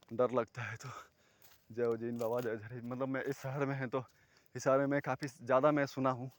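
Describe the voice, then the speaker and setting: A man's voice: medium pitch, dry recording. Earnest rambling man vlogging at night. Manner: rambling, earnest, at times loud. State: scared. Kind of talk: casual talk to camera. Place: outdoors at night, far from houses.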